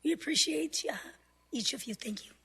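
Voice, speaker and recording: A woman on a city council who has lost her voice, speaking in a hoarse, half-whispered way and keeping her remarks quick and brief at a council meeting. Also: high-pitched, fairly bright tone.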